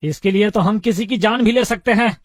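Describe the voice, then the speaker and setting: A man voicing a scheming accomplice thief in an animated story, agreeing in a conspiratorial way. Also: high voice, a little fast, no room sound, clean studio sound, lightly acted.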